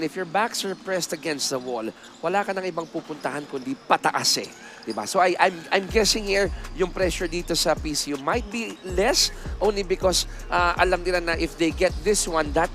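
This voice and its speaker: Speaking at a fairly high pitch with a fairly bright tone, this Filipino-accented analyst offers explanatory pre-game basketball talk that blends Tagalog and English, frequently tacking on tag questions.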